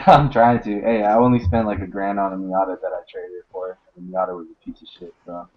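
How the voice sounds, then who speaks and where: A young man with a lowish voice talks loosely in a casual group hangout. His delivery is slangy and sweary, and the recording is dull and lo-fi. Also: flat delivery, a little fast.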